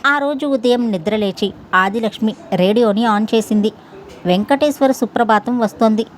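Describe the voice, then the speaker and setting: Woman narrating a family story, highish voice, faint hiss. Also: normal speed.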